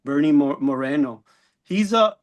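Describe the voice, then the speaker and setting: A man co-hosting a casual podcast chat, earnest and indignant, pausing to search for words. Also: a little high, expressive. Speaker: podcast co-host.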